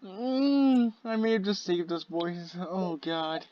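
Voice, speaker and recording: A woman hosting a casual podcast chat with friends, loud, laughing hard and repeating words. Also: on the low side, expressive, takes it slowly, dry recording, highs cut off. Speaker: podcast host.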